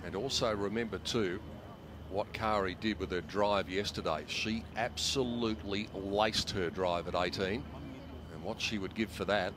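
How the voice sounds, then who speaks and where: A man commentating live on golf for television, with measured, dramatic storytelling phrasing. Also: on the low side, fairly even intonation. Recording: music and crowd noise behind. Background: music and outdoor tournament crowd.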